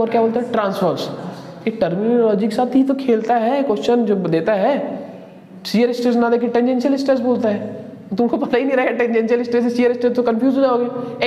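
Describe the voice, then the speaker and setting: A man's voice: extremely high pitch, quick pace, mellow, highs cut off. A man teaching engineering in a classroom, asking students questions and answering them himself. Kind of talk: classroom lecture. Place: classroom with a board. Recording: echoey classroom with long reverb, faint noise.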